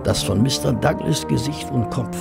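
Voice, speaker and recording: An actor playing Dr. Watson, a genial English physician telling of a detective case in a German radio drama. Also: male voice, medium pitch, normal speed, vocal fry, loud music behind the voice. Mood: grave, wry.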